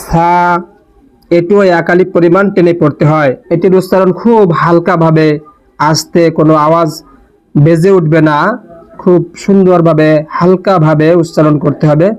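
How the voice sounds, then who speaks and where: A man teaching letter pronunciation in a slow lesson, repeating and drawing out each sound with care. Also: on the high side, fairly even intonation, a little mellow. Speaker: Quran teacher. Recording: dull lo-fi recording.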